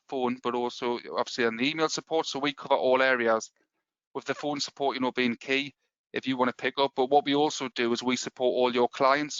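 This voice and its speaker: Fast-talking Geordie man pitching software. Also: smooth, dry recording, highs cut off. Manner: fast, filler-heavy sales talk. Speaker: software company presenter. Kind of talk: webinar product pitch.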